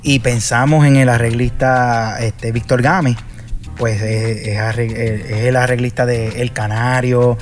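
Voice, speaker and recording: A man's voice: medium pitch, level tone, unhurried. Puerto Rican male singer, rambling storyteller, fillers galore, light music bed. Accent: Puerto Rican Spanish. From Puerto Rico. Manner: chatty storyteller, many fillers and restarts. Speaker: salsa singer, guest. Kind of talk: casual interview chat.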